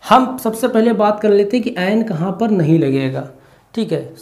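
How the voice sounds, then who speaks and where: A teacher giving an exam-prep lesson, stepping through each point by asking a question and then answering it, and checking in often with a quick "okay". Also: mid-range voice, expressive, a little mellow. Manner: asks and answers own rhetorical questions.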